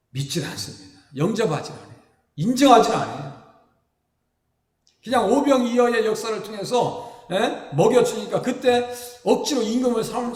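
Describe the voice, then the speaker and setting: A male pastor from South Korea preaching a folksy, animated sermon, throwing questions at the congregation and acting out the people in his stories. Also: high voice. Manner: acts out quoted speakers in lively voices. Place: church sanctuary. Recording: echoey hall with long reverb.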